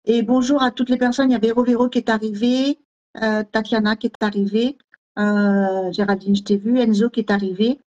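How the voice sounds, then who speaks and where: A woman's voice: a little high, fairly even intonation, a little fast, darkish tone, muffled recording. A woman hosting a live stream as a medium, greeting viewers and reading comments aloud in a scattered way. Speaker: host medium.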